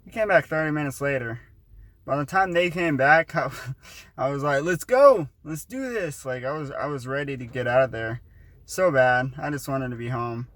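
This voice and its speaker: A man's voice: mid-range voice, fairly even intonation, moderate pace, a bit bright, no echo. A man in his twenties talks casually to his vlog viewers, with a slight lisp that shows when he speeds up. He rambles, restarts and drops in fillers. The recording is dry and close, with no room sound. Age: 20s. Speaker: vlogger.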